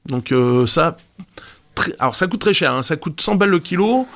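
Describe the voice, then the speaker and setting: A man's voice: on the high side, expressive, moderate pace, creaky, fairly bright tone. A man presenting a segment on a radio show, explaining things casually and hesitantly, with many fillers.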